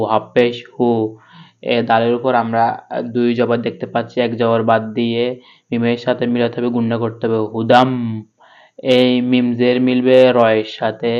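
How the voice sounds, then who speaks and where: A man teaching Quran reading letter by letter, spelling each syllable and then chanting the verse slowly. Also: mid-range voice, clear, resonant tone, highs cut off.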